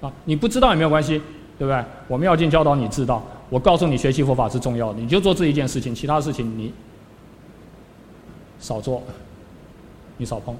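Monk telling stories in an echoing hall. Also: male voice, medium pitch, quick pace, pauses often. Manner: lively, acts out scenes with sudden rises and drops in voice. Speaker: Buddhist monk giving a dharma talk. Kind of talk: storytelling sermon. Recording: long hall reverb with faint background noise.

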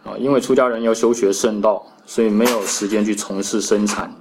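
A Buddhist monk gives a Dharma lecture. He recites each passage slowly, then explains it, with many "ah" fillers. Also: lowish voice, fairly even intonation, noisy background. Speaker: Buddhist monk teaching scripture.

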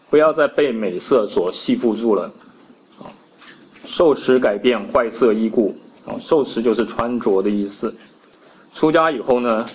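A Buddhist monk gives a Dharma lecture. He recites each passage slowly, then explains it, with many "ah" fillers. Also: medium pitch, a little hiss or hum, poor audio. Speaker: Buddhist monk teaching scripture.

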